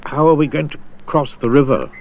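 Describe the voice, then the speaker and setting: A man voicing Jack, a young, polite schoolboy in a storybook reading, whose voice jumps high when he is scared. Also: fairly quick, darkish tone, muffled recording, slight background noise, lightly acted. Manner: polite, rising to high cries when frightened.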